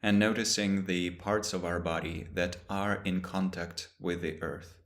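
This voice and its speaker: Slow, calm speech with long gaps between brief phrases marks this guided meditation. The man leading it, a meditation teacher, has a very low, deep voice that stays gentle and even throughout.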